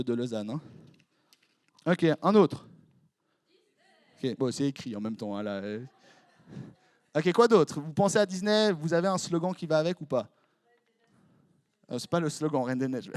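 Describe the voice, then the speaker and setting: A young youth pastor with a Swiss French accent preaches to his congregation, tossing out jokes and playful asides as he quizzes them. His voice sits a little high for a man. The sound is close and dry, with almost no room echo. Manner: playful, jokey, quick asides to the crowd. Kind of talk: lively sermon with audience interaction. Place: church hall before a congregation.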